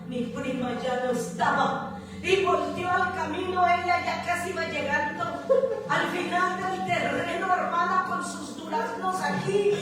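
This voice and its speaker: A woman preacher telling a personal story in a sing-song sermon style, calling out to the brethren. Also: high-pitched. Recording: echoey hall from far off with music.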